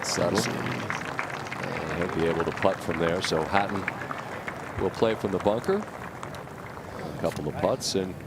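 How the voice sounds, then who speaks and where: A man in a lowish voice calls live golf play-by-play. His delivery is smooth and measured, like a seasoned broadcaster. Steady background noise sits clearly behind him.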